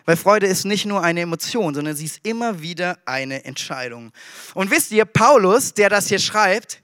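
A man preaching a sermon in a casual, slangy, animated way, dropping English words into his talk. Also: very high-pitched, no room sound, clean studio sound. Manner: animated, emphatic delivery.

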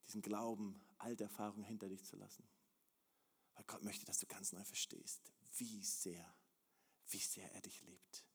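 A man preaching a sermon as pastor, moving between hushed prayerful passages and loud, climbing emphasis, repeating phrases in a building rhythm. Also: fairly low pitch, husky. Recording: long hall reverb.

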